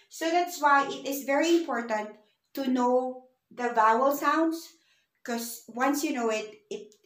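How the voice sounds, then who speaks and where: A woman with a fairly high voice leads a beginner language lesson and speaks slowly and patiently. She spells out letters and sounds one by one. The recording has the roomy echo of a bare space. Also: a bit bright. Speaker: language teacher. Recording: echoey room.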